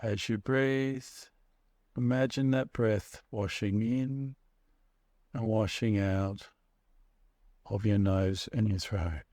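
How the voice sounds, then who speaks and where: A man narrating a guided meditation as a guide, speaking in a measured, soothing way with pauses between short phrases. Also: on the low side, darkish tone, no room sound.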